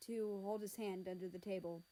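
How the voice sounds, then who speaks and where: A young woman reading a fan story aloud in a casual, unhurried way. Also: medium pitch, steady tone, mellow, low-quality recording. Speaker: narrator reading fan fiction.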